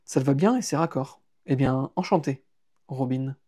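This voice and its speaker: A man's voice: medium pitch, normal speed, warm tone, lightly acted. A man voicing a joking, easygoing young male hacker friend in an audiobook, teasing and casual, stammering when taken by surprise. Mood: eager. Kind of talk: audiobook character voice.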